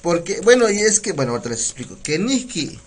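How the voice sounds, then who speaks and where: A man's voice: sits high, sing-song. A man with a Mexican Spanish accent teaching words on a live community radio broadcast, patient and repeating each word, often checking in with his listeners. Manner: patient, repeats words slowly, asks "¿sale?". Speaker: Nahuatl language teacher.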